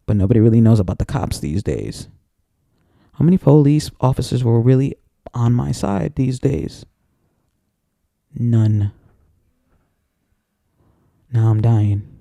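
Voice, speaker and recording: A man's voice: medium pitch, animated, unhurried, creaky, pauses often, warm tone, no room sound, studio quality. A man in an angry, profane, rambling personal rant to camera, repeating himself as he gets worked up. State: emotionally worked up.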